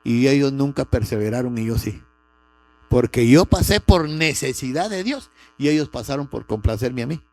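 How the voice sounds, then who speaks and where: A man's voice: medium pitch, lively intonation, moderate pace, darkish tone, faint music behind. A middle-aged man, preaching a sermon with a personal testimony and rising sharply on key words. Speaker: pastor.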